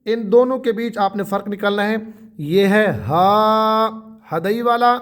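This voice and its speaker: A man's voice: sits high, faint music behind. A man teaching a Quran tajweed lesson, drawing out single letter sounds and explaining each one patiently. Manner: drawn-out letter sounds for pupils to repeat.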